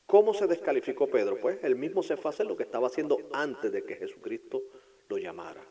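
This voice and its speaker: Male pastor, mid-pitched, preaching; hushed asides building to impassioned climaxes. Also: very animated, fast, husky, rough recording. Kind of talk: sermon.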